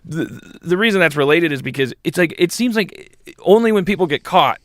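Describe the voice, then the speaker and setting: A man's voice: a little high, expressive, a little fast, no echo, clean studio sound. An American man in his forties in casual conversation, rambling and repeating words as he works through a thought. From Milwaukee, United States. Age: 40s. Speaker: podcast guest. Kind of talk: casual chat.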